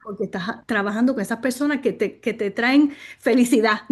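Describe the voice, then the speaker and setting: A woman in an online real estate mastermind, talking in a lively, casual way, laughing as she speaks and addressing the group directly. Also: on the high side, a little fast, husky.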